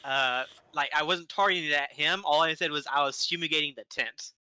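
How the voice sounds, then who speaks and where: Bright, dry-sounding male player. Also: on the high side, fairly quick, clean tone, no room sound, rough recording. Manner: playful, giggly. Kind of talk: casual chat at a game table.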